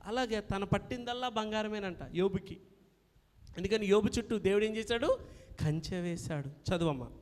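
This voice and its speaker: A male pastor preaching an impassioned sermon that swells to loud peaks. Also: sits high, moderate pace. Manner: impassioned, rising to loud peaks, calls for amens. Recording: long reverb of a hall.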